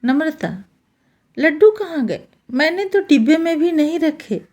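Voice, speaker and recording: A woman voicing a meek, dutiful young daughter-in-law who speaks politely and deferentially, slow and high. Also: very animated, darkish tone. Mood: worried.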